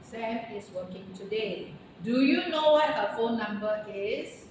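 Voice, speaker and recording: A woman teaching English to a class, stretching out sample sentences so students can copy them. Her voice sits a little high. It is heard from a distance in a long-echoing room with steady noise behind. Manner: slow, drawn-out model phrasing for students. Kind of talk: classroom lesson. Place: echoey classroom. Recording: echoey, noisy classroom from afar.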